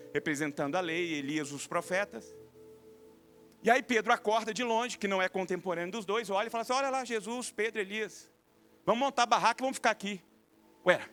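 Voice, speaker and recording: Brief: male pastor, 30s, Brazilian accent, animated sermon storytelling, high ringing voice. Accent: Brazilian Portuguese.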